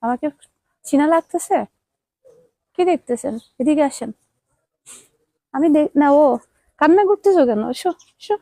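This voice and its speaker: A woman in a vlog, gently coaxing and comforting crying children in a motherly way, then speaking to viewers. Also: high voice, animated, normal speed, pauses often, no echo, rough recording. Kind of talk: emotional vlog address.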